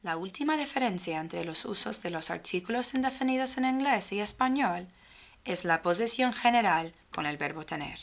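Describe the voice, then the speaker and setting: A woman teaching a grammar lesson, speaking slowly and clearly and drawing out the example sentences. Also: medium pitch, expressive. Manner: slow, clearly spaced speech with stretched example phrases. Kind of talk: slow, careful grammar lesson.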